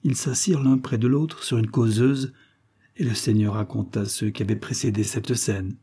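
A male narrator reads a nineteenth-century story aloud at a measured, literary pace. His voice is dark and mellow, with a husky, breathy edge. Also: mid-range voice, steady tone. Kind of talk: audiobook reading of a 19th-century story.

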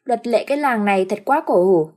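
A woman voicing a calm, frank young master of a wealthy family who speaks tersely and dryly. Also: medium pitch, a little fast, lightly acted. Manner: laconic, dry.

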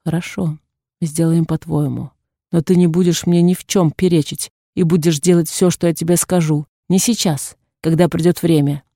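A woman's voice: low-pitched, steady tone, moderate pace, warm tone, dry recording, clean studio sound. A woman voicing a stern, tired older father in an audiobook, speaking in a weary, commanding way.

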